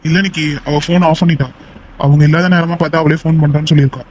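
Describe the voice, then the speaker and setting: A young man in a homemade cartoon, voiced by a man, slightly high-pitched. He bursts out with loud exclamations and teases his friends. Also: fairly even intonation, very fast, a little hiss or hum, natural voice. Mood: relieved chatter. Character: excitable young man, emotional and teasing. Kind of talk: amateur cartoon voice acting.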